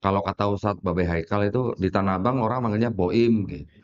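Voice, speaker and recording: A man's voice: fairly low pitch, fairly quick. Chatty man explaining with jokey asides. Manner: chatty, jokey asides with frequent laughs, many fillers like gitu; addresses a woman listener often as "Bu". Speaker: podcast host explaining religion. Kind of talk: casual explanatory talk. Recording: slightly dull lo-fi sound.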